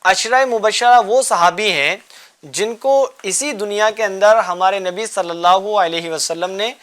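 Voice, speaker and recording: A man hosting a children's religious show, coaxing the kids with repeated questions and gentle teasing. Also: sits high. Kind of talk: quizzing children in a studio class.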